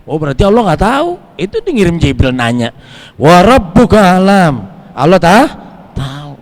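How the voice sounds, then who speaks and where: A man's voice: sits high, normal speed. A man giving a sermon at a mosque study circle, mixing Arabic recitation into his teaching. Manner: animated, rising and falling delivery with Arabic recitation. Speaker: religious teacher. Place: mosque hall. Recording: long mosque hall reverb.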